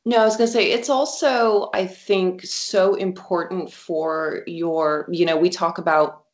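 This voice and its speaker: A woman in her thirties from the United States, talking as an interview guest in an earnest, animated way with many fillers. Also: lowish voice, measured pace. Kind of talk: casual interview chat.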